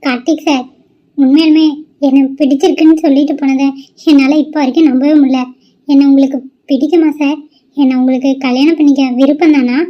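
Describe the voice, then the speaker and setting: Woman doing a protesting young cartoon student, high voice, dull lo-fi sound. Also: steady tone, fairly quick, lightly acted. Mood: pleading. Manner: pleading and protesting. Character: upset young female college student. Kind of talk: cartoon voice acting. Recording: dull lo-fi audio.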